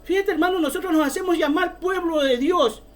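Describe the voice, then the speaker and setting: A woman's voice: very high-pitched, fairly quick, faint music behind. A woman preaching a fervent sermon, often calling her listeners brother.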